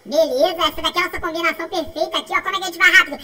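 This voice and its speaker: A woman with a Brazilian Portuguese accent giving excitable, chatty commentary on a mobile game, repeating herself and breaking into laughs and shouts. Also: extremely high pitch, very fast, distant mic, very noisy. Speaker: gaming channel host.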